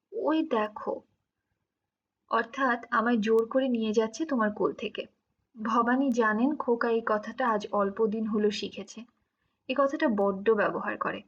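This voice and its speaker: A woman narrating an audiobook of a classic novel in an even, measured storytelling manner. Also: on the high side, breathy edge. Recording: dull lo-fi recording.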